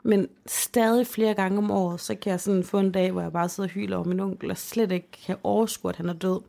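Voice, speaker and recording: A woman's voice: mid-range voice, steady tone, creaky, dark tone. A young woman co-hosting a casual chat, telling a personal story in an emotional, chatty way with many fillers. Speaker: podcast co-host.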